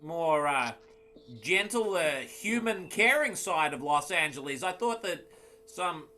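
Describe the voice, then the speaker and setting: Male panelist, wry word-groping quipster, high bright voice. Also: expressive, takes it slowly. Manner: ironic, searching for words. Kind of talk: casual comedic banter.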